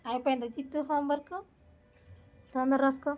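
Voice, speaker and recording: A woman's voice: sits high, flat delivery, fairly quick, darkish tone, faint music behind. A woman, a mother, talking casually with her young daughter at home, coaxing and scolding. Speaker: mother and vlogger.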